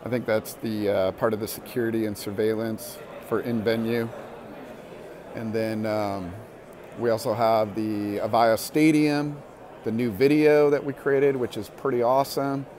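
A man's voice: lowish voice, unhurried, background noise. A man giving a casual walk-through of an indoor convention expo floor, enthusing with lots of fillers as he films on a handheld phone. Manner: relaxed, filler-heavy enthusing. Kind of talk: casual walk-and-talk narration. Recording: crowd chatter from a busy hall.

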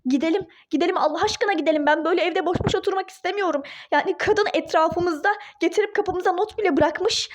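A woman's voice: very high voice, fast, few pauses, background noise. A woman voicing a furious, indignant young wife in a toy-game role-play drama, speaking in exclaiming outbursts. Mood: outraged.

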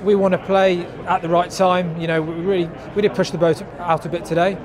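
A man in his thirties, a club captain, speaks in a slightly raised voice with plenty of ums as he reflects on a match. He is recorded outdoors in a stadium stand, and a crowd murmurs clearly behind him. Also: sits high, little pitch movement. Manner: measured, thoughtful, lots of fillers. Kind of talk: post-match interview.

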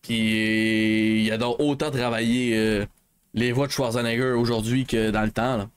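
A man's voice: medium pitch, fairly even intonation, unhurried, smooth. A man with a Québécois accent chatting casually while streaming a game and telling a rambling story. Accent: Québécois French. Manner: rambling storyteller, lots of filler and restarts. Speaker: let's play streamer. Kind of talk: casual chat while gaming.

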